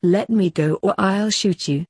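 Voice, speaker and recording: A woman's voice: medium pitch, measured pace, a little mellow, husky, no room sound, studio quality. A woman reading as a demanding grey alien assassin. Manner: demanding, threatening.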